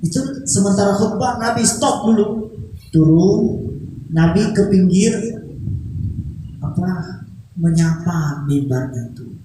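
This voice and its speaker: A man's voice: high-pitched, warm tone, slight background noise. A man preaching to students, telling a story animatedly with playful asides to listeners. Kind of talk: storytelling religious talk to students. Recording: echoey hall.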